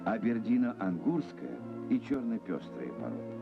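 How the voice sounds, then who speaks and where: A man giving formal, measured scripted narration for an old newsreel. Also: mid-range voice, very animated, gravelly. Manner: formal, measured official delivery. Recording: dull lo-fi archival film sound with music.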